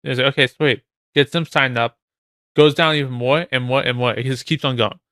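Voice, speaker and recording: A man hosts a casual reaction video in a crisp, bright voice. The sound is close and dry, with little room around it. He is blunt and doubtful, talking off the cuff and repeating phrases to press his point. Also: mid-range voice, steady tone, a little fast, no echo.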